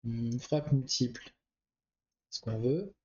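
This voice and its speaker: Here a man with a cold plays a card game and thinks aloud, muttering over each choice in a relaxed let's play. His mid-range voice is slow and warm, with the highs cut off.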